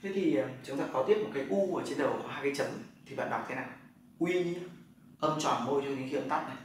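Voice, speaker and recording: A man with a Northern Vietnamese accent teaching Chinese pronunciation, repeating drill syllables in loud, clipped bursts. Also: medium pitch, fast talker, a little hiss or hum. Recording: echoey room, far from mic.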